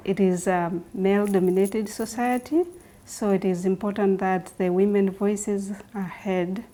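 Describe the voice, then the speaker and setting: Tanzanian woman, slow careful talk, warm low-key voice, lots of little pauses. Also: steady tone. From southern Tanzania. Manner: earnest, with hesitant pauses. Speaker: Maasai delegation member. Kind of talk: documentary interview.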